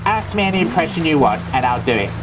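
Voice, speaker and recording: Over background music, a cheeky, fast-talking man with a London Cockney accent and a slightly high voice commentates on gameplay for comedy. Playing a loveable, daft Cockney thief, he rambles through chatty, absurd deadpan asides.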